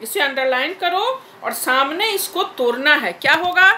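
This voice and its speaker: A woman's voice: sits high, expressive, normal speed, bright, forceful tone, reverberant, a little hiss or hum, rough recording. A woman teacher leading an online class over a video call, patiently repeating corrections and calling on students by name.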